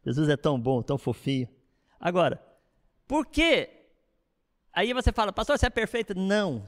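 Animated middle-aged pastor preaching in a hall. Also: male voice, sits high. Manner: animated, conversational preaching with frequent asides. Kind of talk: sermon.

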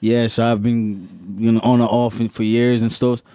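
A man with a Nigerian accent talks as a musician guest in a relaxed interview. His pitch is average for a man and the sound is dry. He speaks in an informal, slangy way. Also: normal speed, smooth, dry recording. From Benin, Nigeria. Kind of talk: casual interview chat.

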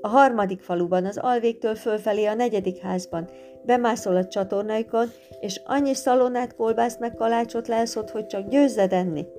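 A woman voicing a tiny, brave and cheeky boy in a storybook reading, with guitar music behind. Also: natural voice. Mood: coaxing. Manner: shrill shouting.

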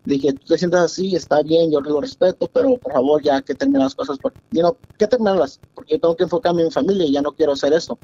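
A man's voice: a little high, big pitch swings, quick pace, hardly any pauses, warm tone, no echo. A man calling in to a radio show, telling a long confessional story in a rambling way over a dull phone line. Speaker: caller.

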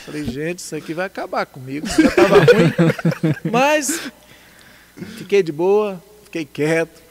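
A man's voice: fairly high pitch, very animated, a little slow. A man with a Brazilian Portuguese accent, casually telling his story as a guest, laughing often and acting out what people said. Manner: laughs often, acts out dialogue.

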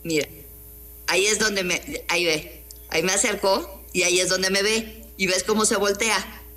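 A woman's voice: medium pitch, fairly even intonation, moderate pace, sharp tone. A woman with a Mexican Spanish accent, a newspaper columnist answering interview questions in an emphatic, combative way, throwing in rhetorical questions.

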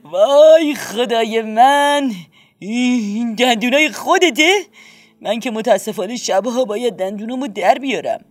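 A woman voicing a frail, lonely old man neighbor who speaks slowly and weakly. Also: a little high, lively intonation, dry recording. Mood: gentle. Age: older. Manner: slow, weak, mumbling.

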